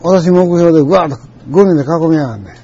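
Brief: older Kansai man, gravelly and dark, rambling reminiscence, muffled lo-fi recording. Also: on the high side, expressive, very fast. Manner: rambling, chuckling anecdotal telling. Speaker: storyteller. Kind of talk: casual spoken reminiscence.

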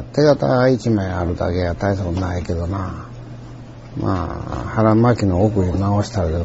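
A man's voice: medium pitch, creaky, warm tone, lo-fi sound. An older man with a Kansai accent, telling old stories in a rambling way and chuckling now and then. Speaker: storyteller. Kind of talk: casual spoken reminiscence.

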